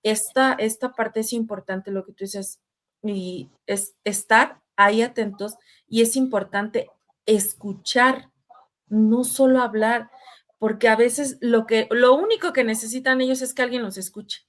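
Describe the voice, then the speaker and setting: A woman's voice: a little high, fairly even intonation, measured pace. A woman hosting a conversational talk program, thoughtful and engaged, reading listener messages aloud. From Mexico. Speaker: talk show host.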